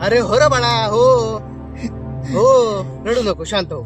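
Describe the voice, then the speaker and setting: Farmer dad, high-voiced and gentle, with a film score underneath, played by a male actor. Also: expressive, a little slow. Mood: soothing. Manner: soothing, repeats himself. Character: gentle farmer father comforting his weeping son. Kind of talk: short film acting. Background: film music.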